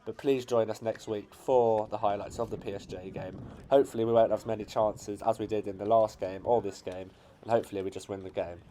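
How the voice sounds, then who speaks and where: Excitable English amateur football commentator. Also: male voice, on the low side, a little fast, few pauses, slight background noise. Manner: builds to shouting excitement at late chances. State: voice cracking. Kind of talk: excitable match commentary over highlights.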